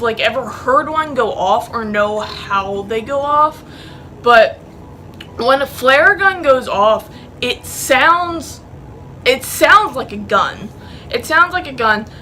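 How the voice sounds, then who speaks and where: A woman's voice: a little high, bright, forceful tone, slight background noise, rough recording. A young woman telling a story in casual vlog style, rambling and profane, with many fillers. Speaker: vlogger.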